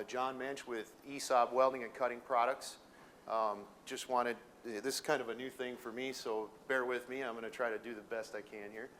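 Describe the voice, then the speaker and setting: A man's voice: mid-range voice, a bit bright, slight background noise. A middle-aged man from Detroit with a Minnesota accent, giving an informal talk to educators with lots of fillers and restarts. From Detroit, Michigan. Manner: folksy, rambling, many fillers and restarts. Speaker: welding sales manager presenting to educators. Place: room with an audience.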